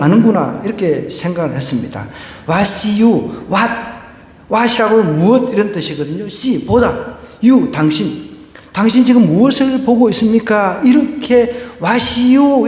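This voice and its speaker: In an echoey church sanctuary, a male pastor with a high, darkish voice delivers a conversational sermon. He asks the congregation rhetorical questions and tells a humorous story as a joke.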